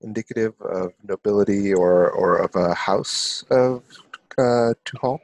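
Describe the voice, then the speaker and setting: A man's voice: on the low side, unhurried, darkish tone, dry recording. A man playing in a tabletop game, asking questions casually with stammered restarts. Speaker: player.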